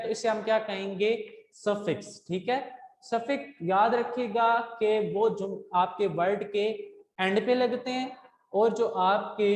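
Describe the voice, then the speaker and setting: A teacher with a Pakistani accent giving an English grammar lesson to children, speaking slowly and deliberately, spelling words letter by letter and checking in often. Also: mid-range voice, a little mellow. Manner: switches between Urdu and English reading of textbook lines. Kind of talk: recorded class lesson for children. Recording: echoey hall with long reverb.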